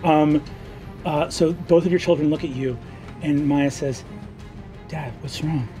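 A man's voice: on the high side, steady tone, over music. Man narrating as game master. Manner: quick, hesitant with fillers.

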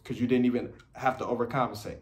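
A man's voice: medium pitch, fast talker. A man, giving blunt dating advice in a casual monologue full of slang and repetition. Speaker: dating commentator.

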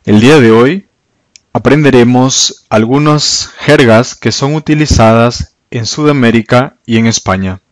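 Slow, deliberate man teaching words. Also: medium pitch, dry recording. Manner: repeats each word slowly and clearly, then translates. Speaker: language teacher. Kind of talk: slow, careful vocabulary lesson.

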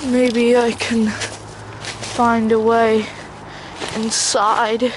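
This outdoor clip has a vlogger exploring ruins in the woods near a river and bridge, speaking without a script in a hesitant, level-toned, mid-range voice. The sound comes from a handheld camera mic with the operator behind it, and it's noisy with ambience and passing vehicles.

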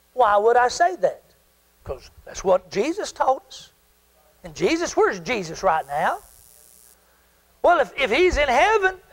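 High-voiced older preacher. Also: male voice, fairly bright tone, poor audio. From South Carolina. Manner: call-and-response preaching, asks the congregation questions. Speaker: pastor. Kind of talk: sermon.

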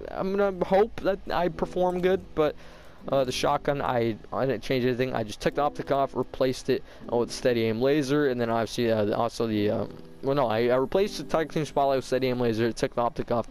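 A man's voice: mid-range voice, brisk, darkish tone. A young man doing casual, slangy video game commentary, with a slight lisp from tightened braces. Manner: informal slangy bro-style talk. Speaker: gaming YouTuber.

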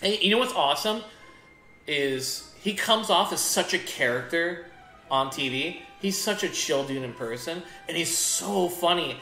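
A man's voice: a little high, lively intonation, a little slow, vocal fry, sharp tone. A man chatting casually while he plays a video game, telling rambling stories with many restarts. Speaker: gaming streamer. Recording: echoey room with faint game music.

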